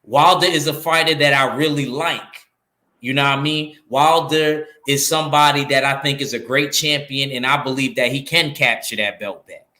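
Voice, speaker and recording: Speaking at a moderate pace in a mid-range voice, a New York co-host of a casual boxing podcast makes his case emphatically. The sound is roomy, and he's animated, repeating lines for effect.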